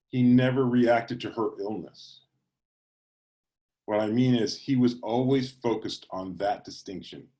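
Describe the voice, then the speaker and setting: A man speaking at a conference workshop, reading a personal memoir aloud in a measured, reflective way with pauses. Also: fairly low pitch, darkish tone.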